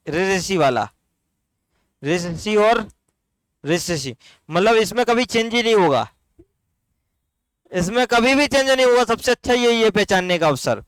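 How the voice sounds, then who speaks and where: A man teaching a Hindi grammar class, slowly drawing out and repeating words for his students, with a Rajasthani Hindi accent. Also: high voice, animated, fairly bright tone, smooth, dry recording.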